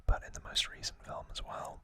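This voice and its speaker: In a breathy whisper, a man hosts an unscripted ASMR unboxing video, talking in short, halting phrases broken by pauses. His tone is bright and forceful, and the recording has no room sound.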